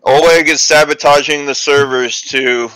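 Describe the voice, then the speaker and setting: A man's voice: fairly high pitch, steady tone, normal speed, a bit bright, smooth, no room sound, poor audio. A man joking around in a casual gaming voice chat, sometimes slipping into an announcer's manner. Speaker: tournament player and caster.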